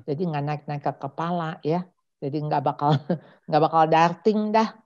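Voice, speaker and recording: Woman, seminar speaker on parenting; lowish voice, acts out family scenes, muffled lo-fi sound. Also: unhurried. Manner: animated, acts out parent-child dialogues. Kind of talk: church seminar talk with Q&A. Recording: dull lo-fi recording.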